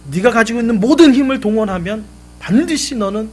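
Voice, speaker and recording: A man's voice: fairly high pitch, lively intonation, normal speed, slightly rough. A man voicing a father who advises his son and then scolds him. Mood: coaxing. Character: stern, advising father of a young boy.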